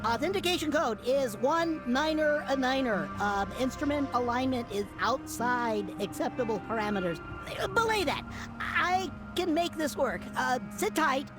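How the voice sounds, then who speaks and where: A woman's voice: sits high, lively intonation, moderate pace, music in the background. A woman voicing an eager little female engineer who gives clipped military orders over a radio, each ending with over. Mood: brisk. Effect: voice heard over a radio.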